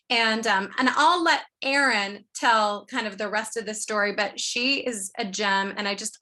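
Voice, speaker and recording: A woman in her thirties, introducing a friend on a webinar with a chatty, rambling story over a video call. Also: fairly high pitch. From Ohio. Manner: warm storytelling with fillers. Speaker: network marketing leader.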